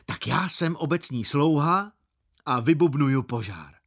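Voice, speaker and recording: An eager village boy calling out like a town crier, slow and drawn out, as a man reads him aloud in a storybook. His pitch rises and falls widely. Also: animated. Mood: proclaiming.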